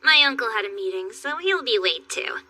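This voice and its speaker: A woman voicing a cheerful, caring young farm girl in an anime English dub, fussing and gently teasing. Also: a little high, animated, fairly quick, exaggerated voice.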